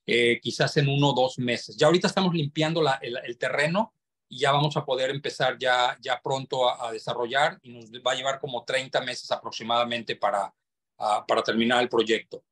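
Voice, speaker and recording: Representing a property developer as a webinar guest, a man from Mexico speaks briskly in a steady, fairly bright mid-range voice. His explanation on the video call is informal, and he frequently hunts for the right word.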